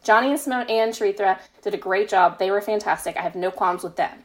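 A fan fiction author being interviewed on a casual podcast gushes with emphatic enthusiasm. She talks fast in a medium-pitched voice.

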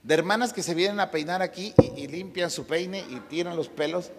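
A man's voice: high voice, fairly quick. A middle-aged man, preaching a conversational sermon with storytelling and humorous asides. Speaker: pastor. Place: church. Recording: long hall reverb.

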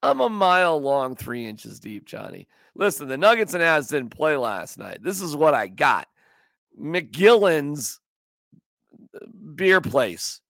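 A man with a fairly high, gravelly voice chats loosely about sports as the host of a podcast. His pitch swings all over as he jokes and rambles. The sound is close and dry, with no room to it. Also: sing-song, slow pace, fairly bright tone, dry recording. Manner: joking, rambling, does silly voices. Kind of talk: casual sports chat.

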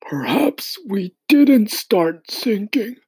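A man voicing an old green grasshopper, an elderly male insect, speaking slowly with a breathy, wavering voice. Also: high voice, very animated, a little mellow, no room sound, pitched above the performer's own voice, heavily acted. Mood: fretful.

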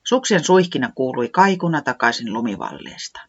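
A children's storybook narrator reads aloud with a lively, melodic delivery that swings widely in pitch. The manner is expressive and sing-song. The recording is dull and lo-fi. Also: husky. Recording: dull lo-fi sound.

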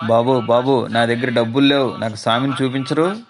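A man's voice: mid-range voice, fairly even intonation, brisk, close to an everyday voice. A man voicing a poor, devout village man who pleads and weeps, with music behind him. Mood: pleading. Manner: desperate, pleading cries.

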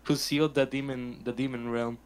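A man's voice: mid-range voice, flat delivery, normal speed, crowd noise. A young man chatting casually and switching between Spanish and English. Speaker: panelist. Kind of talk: casual chat.

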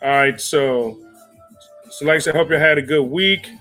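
A man's voice: a little high, normal speed. A man hosting a live stream show in a casual, laid-back way, greeting viewers by name and using easy slang. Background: jazz music playing softly.

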